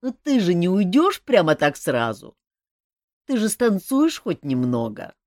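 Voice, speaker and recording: A woman's voice: lowish voice, wildly swooping pitch, a little slow, darkish tone, no echo, pitched above the performer's own voice, exaggerated voice. A fretful, pleading tavern keeper , as a woman reads him, fussing over his customers. Dry, close sound. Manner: anxious, pleading. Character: fretful middle-aged male tavern keeper.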